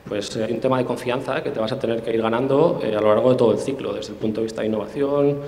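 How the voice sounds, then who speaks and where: A tech specialist on an interview talks quickly in a steady, slightly mellow mid-range voice. His conversational explanation is thoughtful and full of hesitations and restarts. Long reverb from a roomy hall colors the audio.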